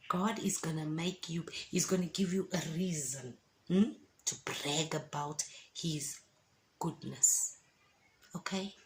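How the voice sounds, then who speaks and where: A fifty-something woman shares a faith testimony in a casual vlog. Her voice is gravelly and fairly low, and she talks slowly, with emphatic, encouraging asides. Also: slight background noise. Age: 50s. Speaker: vlogger giving a testimony.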